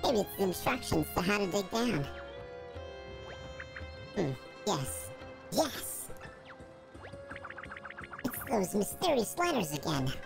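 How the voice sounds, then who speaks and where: Brief: excitable young origami girl, voiced by a man on a pitch-up voice changer, swooping lively delivery. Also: takes it slowly, vocal fry, long pauses, over music, exaggerated voice. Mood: excited. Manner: bubbly, excitable, sing-song. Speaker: let's play gamer reading a character's lines.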